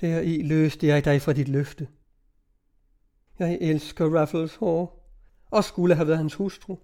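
A man's voice: fairly high pitch, steady tone, warm tone, natural voice. A man reading aloud, voicing a desperate young woman in love in an old-fashioned storybook. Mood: anguished. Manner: anguished, pleading.

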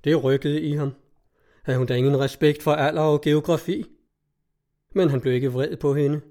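A man narrating an audiobook in a measured, even storytelling manner. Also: a little high.

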